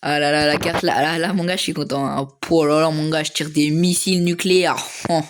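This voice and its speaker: A young man giving casual, slangy commentary over his own gameplay, excitable and laughing often. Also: fairly high pitch, brisk, background noise. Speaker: gaming video creator.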